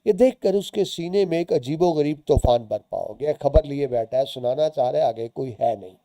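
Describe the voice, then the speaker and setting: Dark-voiced teacher explaining a story. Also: male voice, a little high, expressive, moderate pace, dry recording. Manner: explains words and lines as he reads. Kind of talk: reading and explaining a short story to students.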